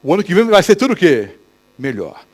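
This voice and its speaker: A male pastor with a Brazilian Portuguese accent preaching a sermon in church, animated and quizzing the congregation with questions. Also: sits high, fairly quick.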